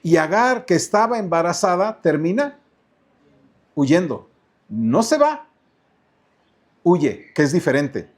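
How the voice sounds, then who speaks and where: Mexican pastor, male, high voice, questioning sermon delivery with shifting pace. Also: big pitch swings, takes it slowly, pauses often. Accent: Mexican Spanish. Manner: asks the congregation questions, repeats words, changes pace often. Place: church.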